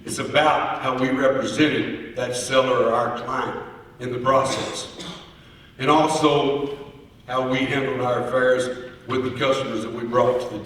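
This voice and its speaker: A man gives formal contest answers in a courteous, earnest, deliberate way, like an orator. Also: medium pitch, fairly bright tone, a little hiss or hum. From Oklahoma, US. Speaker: auctioneer, contest finalist. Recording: echoey hall, heard from far off.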